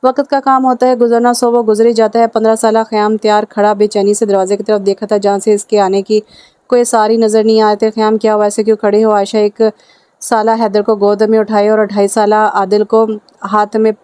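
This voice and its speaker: A woman's voice: mid-range voice, level tone, brisk, mellow, smooth, no room sound. A woman narrating a romance novel as an audiobook, reading steadily with small slips.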